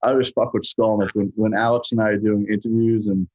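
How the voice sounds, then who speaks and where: Deep-voiced middle-aged New Yorker, Brooklyn-style accent. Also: male voice, level tone, fast talker, darkish tone, no echo, muffled recording. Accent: New York. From New York, Brooklyn family, raised on Long Island. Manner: profane, streetwise, peppered with "you know" and "man". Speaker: guest, metal musician. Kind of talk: casual interview chat.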